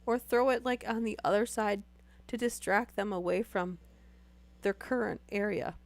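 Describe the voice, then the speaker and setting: A young woman streamer chats casually with live viewers while losing her voice to a sore throat, rambling with lots of fillers. She has a mid-range voice at a moderate pace.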